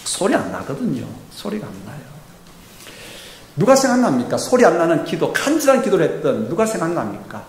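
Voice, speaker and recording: A man's voice: a little high, huge pitch swings, brisk, slight background noise. A man preaching a Sunday sermon with emphasis, now and then acting out quoted speech. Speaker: pastor. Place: church sanctuary. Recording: echoey church hall.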